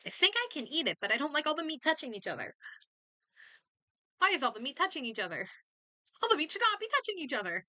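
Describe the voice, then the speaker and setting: A woman game streamer chats casually while playing, muttering and thinking aloud to herself. Her voice is high-pitched with big swings in pitch, a quick pace broken by long pauses, and a sharp tone. The recording is dry.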